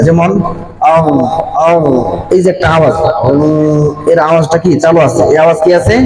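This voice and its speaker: A male madrasa teacher giving a Quran pronunciation lesson, asking the class questions and repeating the answers. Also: on the high side. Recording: echoey room with a crowd of students. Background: students chanting along.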